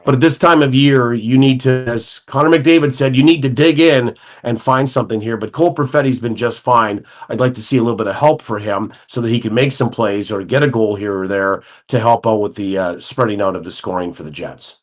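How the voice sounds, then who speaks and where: On a radio-style hockey segment, a male guest analyst breaks down the game in a measured, analytical way, often correcting himself. His voice is mid-range.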